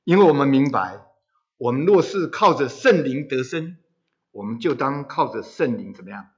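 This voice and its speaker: A man's voice: medium pitch, expressive, normal speed, highs cut off. Man preaching with sudden emphatic swells. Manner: rhetorical questions to the congregation, dramatic rises in volume. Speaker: pastor. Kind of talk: sermon. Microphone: handheld microphone.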